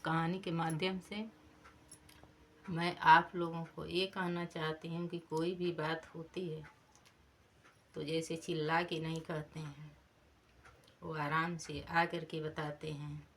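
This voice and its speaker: Woman storyteller for a moral folk tale; low-ish, very slow, plain delivery. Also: level tone, a bit bright, a little hiss or hum.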